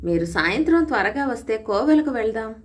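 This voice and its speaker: Storybook figure: a timid young bride with a small, soft voice, read by a woman. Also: on the high side, lively intonation, brisk, natural voice. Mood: gentle, pleading. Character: meek, gentle young bride from a poor home.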